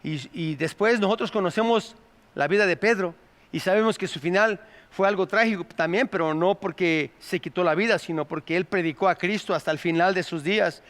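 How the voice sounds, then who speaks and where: A man's voice: sits high, brisk, a bit bright. A man with a Mexican accent preaching a sermon, calling his listeners "brother" and asking them rhetorical questions. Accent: Mexican Spanish. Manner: addresses the congregation as "hermano", rhetorical questions. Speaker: pastor. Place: church sanctuary. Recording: long hall reverb.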